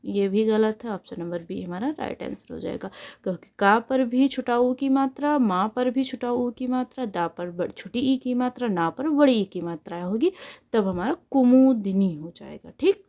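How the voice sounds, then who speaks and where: A woman's voice: fairly high pitch, lively intonation, moderate pace, gravelly, mellow. A woman teaching a spelling lesson online, repeating each answer and asking herself questions before she answers them. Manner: repeats answers, asks and answers her own questions. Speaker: Hindi exam tutor.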